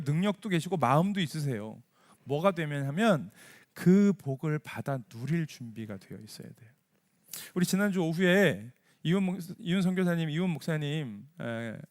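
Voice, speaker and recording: Animated, high-voiced man preaching. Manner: conversational preaching with rhetorical questions and acted-out prayers. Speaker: pastor. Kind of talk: sermon. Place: church sanctuary.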